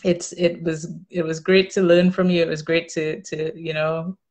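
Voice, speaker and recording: A woman hosting an interview over a video call, speaking haltingly with frequent fillers. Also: deep voice, little pitch movement. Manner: warm, halting, frequent "you know" fillers. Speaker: host.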